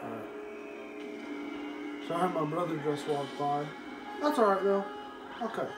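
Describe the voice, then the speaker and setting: Brief: high-pitched male gamer, rambling self-talk commentary, excitable bursts, game music underneath. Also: measured pace, low-quality recording. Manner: chatty, talks to himself while playing, excitable outbursts. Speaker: gameplay commentator. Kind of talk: casual let's-play commentary. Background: video game music.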